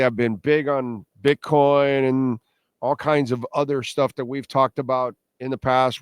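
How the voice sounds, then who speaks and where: A man with a mid-pitched voice hosts a show in a casual, opinionated monologue. He talks straight to viewers, blunt and emphatic, repeating points and throwing out rhetorical questions. The sound is dry and close, with little room to it. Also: smooth, dry recording. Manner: blunt, self-deprecating, salty slang. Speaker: host of a crypto show.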